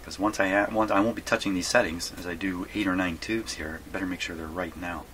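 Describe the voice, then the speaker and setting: In a small home workshop, a radio repair video presenter works through a casual demonstration, thinking out loud, wandering off track and frequently questioning himself. His low-pitched voice is brisk and fairly bright, with fairly even intonation. Noise is clearly audible in the recording.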